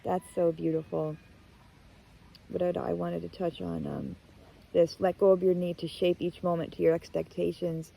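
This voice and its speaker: A woman's voice: lowish voice, moderate pace, creaky, mellow, low-quality recording. A woman giving a casual, heartfelt tarot card reading, rambling and emotional as she talks to viewers. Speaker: tarot reader.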